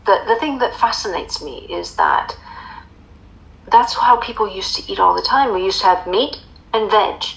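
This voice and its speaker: A woman's voice: medium pitch, expressive, normal speed, gravelly, rough recording. An American woman in her fifties, explaining things emphatically as a guest in a casual interview. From United States. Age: 50s. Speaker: interview guest, eating coach.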